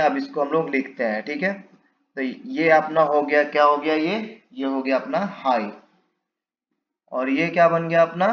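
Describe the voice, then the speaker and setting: Male trading teacher, casual walk-through, quizzes himself as he draws; lo-fi mic in an echoey room. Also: a little high. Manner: explains while drawing, asks and answers his own questions. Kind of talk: casual step-by-step chart lesson. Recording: echoey room, dull lo-fi mic, faint hiss.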